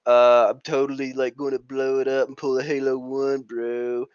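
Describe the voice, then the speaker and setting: A slangy, laid-back female AI sidekick in a game recap, spoken smooth and a bit dull-sounding as a guy puts her on. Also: mid-range voice, flat delivery, normal speed, a little mellow, dry recording, close to an everyday voice. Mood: breezy. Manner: breezy, dude-talk delivery.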